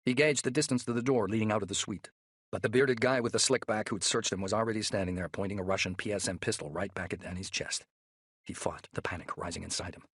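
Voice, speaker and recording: Husky low-voiced male narrator. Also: steady tone, quick pace, a bit bright, no room sound, clean studio sound. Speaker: audiobook narrator. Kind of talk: scripted thriller narration.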